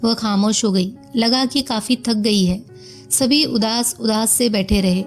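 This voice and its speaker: Brief: woman storyteller, measured reading, faint music behind. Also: a little high. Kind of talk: scripted story narration.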